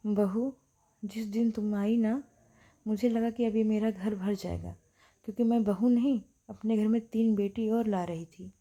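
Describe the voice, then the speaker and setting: Woman voicing a hushed grieving old mother. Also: medium pitch, steady tone. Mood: sorrowful. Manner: soft, slow, tearful and hushed. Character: elderly grieving mother, gentle and hurt.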